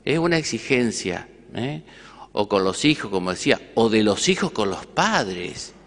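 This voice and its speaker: A man's voice: lowish voice, very animated, measured pace, a bit bright, in a large hall. A male priest with an Argentine accent giving a conversational sermon, often asking rhetorical questions. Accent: Argentine Spanish. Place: church.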